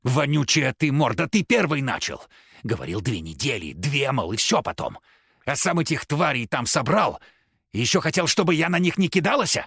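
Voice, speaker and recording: A foul-mouthed young woman who carries herself like a teenager raised on the streets, put on by a male narrator. Her husky, hissing voice sits well above his own and leaps about restlessly. The audiobook recording is close and dry, with no room sound around her. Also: medium pitch, big pitch swings, normal speed, a bit bright, no room sound, pitched above the performer's own voice, full character voice. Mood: mocking. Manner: spiteful, swearing, jumpy. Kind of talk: audiobook character voice.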